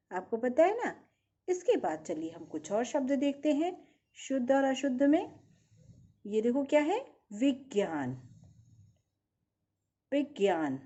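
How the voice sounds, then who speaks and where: A woman's voice: a little high, dark tone, slightly rough, lo-fi sound. A woman teaching a recorded primary school lesson, patiently asking and answering her own questions.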